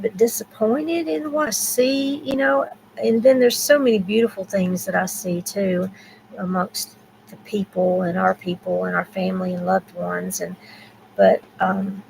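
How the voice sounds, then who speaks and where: A woman's voice: mid-range voice, slight background noise, poor audio. A woman in her sixties with a Southern accent, chatting and rambling on a live stream and answering viewers by name. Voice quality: gravelly. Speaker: YouTube creator. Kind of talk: casual live-stream chat.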